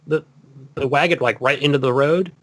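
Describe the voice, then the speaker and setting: A man co-hosting a casual gaming podcast, retelling a game ambush excitedly with stumbles and acted-out quotes. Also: mid-range voice, fairly quick, no echo. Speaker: podcast co-host.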